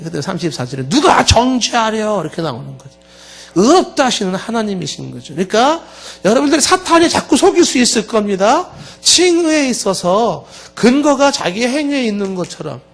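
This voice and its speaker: A male pastor preaching a Wednesday sermon, animated and joking, acting out little scenes. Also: high-pitched. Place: church sanctuary.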